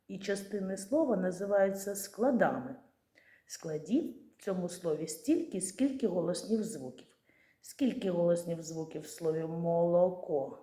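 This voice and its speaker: A woman teacher talks young children through a lesson in a slow, mellow, lowish voice. She stretches and chants words syllable by syllable. The sound carries a roomy echo.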